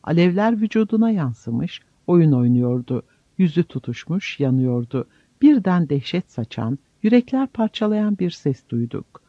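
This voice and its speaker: Brief: male audiobook narrator, expressive and dramatic, dry and lo-fi. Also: fairly high pitch, unhurried, few pauses, no room sound. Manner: dramatic storytelling. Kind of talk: audiobook reading.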